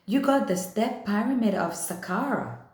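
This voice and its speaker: A woman reading a storybook lightly acts out an earnest young schoolgirl who is friendly but quick to take offence, speaking in an animated, insistent way. Her mid-range voice is pushed up, and the room adds a clear echo.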